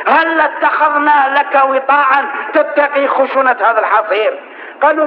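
A man preaching a sermon, telling stories and rising to emphatic exhortation. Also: very high voice. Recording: tinny lo-fi recording with faint hiss.

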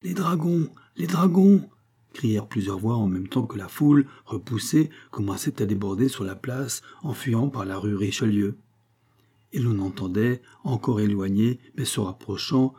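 A man reading a classic novel aloud as an audiobook narrator, in a steady, measured storytelling voice. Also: lowish voice, slightly rough.

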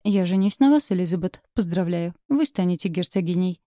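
A woman's voice: lowish voice, lively intonation, brisk, warm tone, no echo, clean studio sound, close to an everyday voice. A woman voicing an arrogant, angry young duke who speaks with commanding sarcasm in a storybook reading. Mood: sarcastic.

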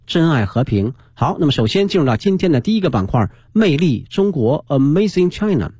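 A man with a slightly husky voice teaches English vocabulary on the radio, explaining each word patiently and spelling it out letter by letter. His pitch moves about a lot, and the sound is dry and close, as in a small studio. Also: a little mellow, no room sound. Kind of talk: bilingual vocabulary lesson.

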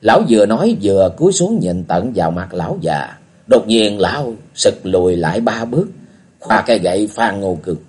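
A man narrating a martial arts novel as an expressive audiobook reader. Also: lowish voice, normal speed, slightly rough. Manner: expressive storytelling, acting out characters. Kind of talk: scripted narration.

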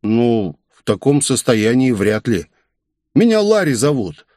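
A man's voice: medium pitch, very animated, measured pace, darkish tone, no echo, clean studio sound. A man voicing a streetwise, kind young man who talks in loose slang. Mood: friendly. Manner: slangy, rambling and friendly.

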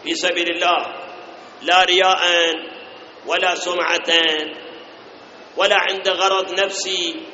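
A man with an Iraqi Arabic accent preaching a sermon. He asks his listeners rhetorical questions, speaks to them directly and chants scripture verses slowly. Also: sits high, level tone, pushed and bright. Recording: echoey hall, dull lo-fi sound, faint noise.

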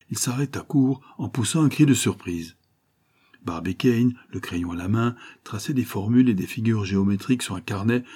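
A man reading a classic novel aloud as audiobook narrator, measured and even. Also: on the low side, husky.

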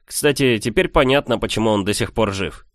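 A male narrator voicing a lively, teasing young man in an audiobook, talking in a raised, animated voice. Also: on the low side, a little fast, no echo, lightly acted. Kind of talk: audiobook character voice.

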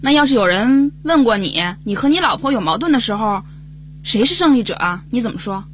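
Female radio co-host, animated and teasing, faint hum. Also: a little high, brisk. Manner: teasing, questioning. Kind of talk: casual chat.

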